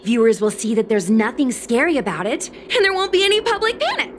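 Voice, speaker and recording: A woman voices a chatty, confident young influencer girl in an anime game, sounding breezy, boastful and persuasive. Her voice is on the high side and sing-song, moving a little fast, with a faint hiss or hum in the recording.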